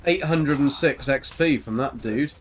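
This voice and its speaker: A man's voice: mid-range voice, unhurried, a little hiss or hum. A man giving chatty, cheeky commentary while playing a video game. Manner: chatty, cheeky, laughs often. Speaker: streamer. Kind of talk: casual gameplay commentary.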